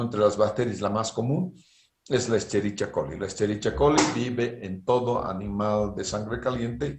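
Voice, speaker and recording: A middle-aged man with a Bolivian accent teaches university engineering online through a video call, often adding a rhetorical "¿no es cierto?" to his lecture. His lowish voice is a little mellow, and the sound is roomy.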